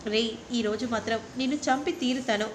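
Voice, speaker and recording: A woman's voice: a little high, steady tone, a little fast, a little hiss or hum, natural voice. A woman voicing an angry young man who makes threats, in a serial recap. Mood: furious.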